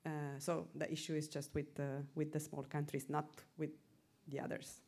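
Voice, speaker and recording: A woman presenter answering audience questions at a conference, measured and hesitant, with frequent fillers. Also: low voice, little pitch movement, vocal fry, dark tone.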